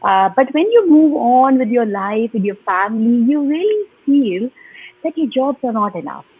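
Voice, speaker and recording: A woman's voice: a little high, very animated, normal speed, breathy edge. Woman on a tinny call line. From Pakistan. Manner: earnest, hesitant with fillers. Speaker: guest. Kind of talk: live online interview.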